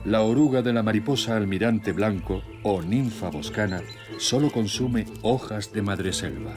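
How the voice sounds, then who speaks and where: A man narrating a scripted nature documentary in a measured, solemn storytelling way. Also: on the low side. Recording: music bed with nature sounds. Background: music, birdsong and nature sounds.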